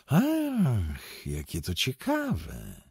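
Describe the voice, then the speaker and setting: A man voicing a mysterious, low-voiced foreign gentleman who speaks with slow, insinuating courtesy in an audiobook. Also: wildly swooping pitch, husky, dry recording, heavily acted. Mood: courteous, wondering.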